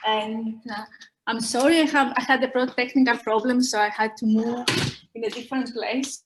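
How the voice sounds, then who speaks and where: A woman's voice: a little high, fairly even intonation, moderate pace, background noise. A woman speaker on a video call whose audio keeps breaking up, talking hesitantly with many fillers and restarts. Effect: choppy audio breaking up over a bad call connection. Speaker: invited academic speaker. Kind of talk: academic presentation.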